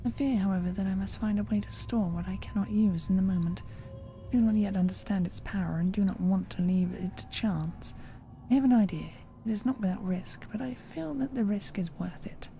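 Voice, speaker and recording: A woman voicing a secretive witch who reads her journal in an earnest, self-justifying, measured way. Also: mid-range voice, creaky, warm tone, soft background music, natural voice. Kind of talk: recorded game voice-over.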